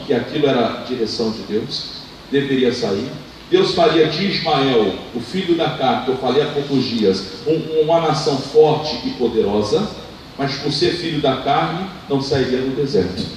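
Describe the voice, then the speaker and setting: A Brazilian man preaching a sermon as pastor, with impassioned delivery that swings between loud appeals and hushed asides. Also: a little high, a little hiss or hum. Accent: Brazilian Portuguese. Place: church hall. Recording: echoey church from a distance.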